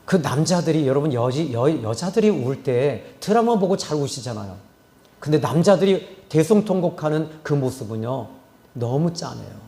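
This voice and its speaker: Korean pastor preaching with lively, swinging pitch. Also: male voice, normal speed, gravelly. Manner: shifts between loud exclamation and hushed whispered quotes. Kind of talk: sermon storytelling.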